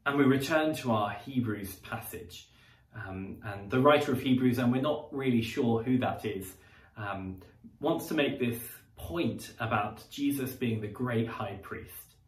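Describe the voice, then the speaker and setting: Male preacher, mid-pitched, conversational and reflective sermon delivery, recorded off-mic in a reverberant church. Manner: conversational, reflective, with frequent pauses and fillers. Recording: roomy echo, distant mic.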